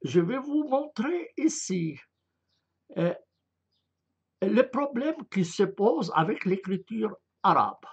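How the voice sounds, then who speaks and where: A man's voice: high voice, big pitch swings, takes it slowly, vocal fry, pauses often, slightly rough, dull audio. A man giving an explanatory lecture on a writing system, hesitant and full of filler sounds, spelling out letter sounds one at a time. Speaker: lecturer on Arabic script. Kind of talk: slow explanatory online lecture.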